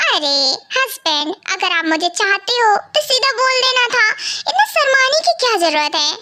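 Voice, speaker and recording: A woman's voice: extremely high pitch, big pitch swings, moderate pace, pushed and bright, slight background noise, heavily acted. A woman playing a playful, teasing young wife.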